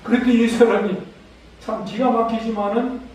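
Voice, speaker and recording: Here a male pastor exhorts his flock emphatically through a Sunday sermon laced with scripture readings. His very high voice is slightly mellow, his intonation fairly even, his speed normal. Captured at a distance, the audio carries the echo of a large church sanctuary during a service.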